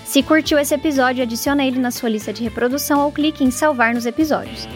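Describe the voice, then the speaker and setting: A Brazilian woman reading a scripted English pronunciation lesson for a podcast, clear and deliberate as she pairs each word with its translation. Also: high voice, soft background music. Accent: Brazilian Portuguese.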